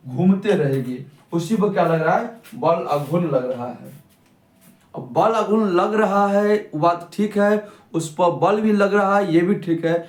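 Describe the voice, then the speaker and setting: A young man teaching a physics class, who keeps asking questions and answering them himself. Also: sits high. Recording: echoey room, mic at a distance.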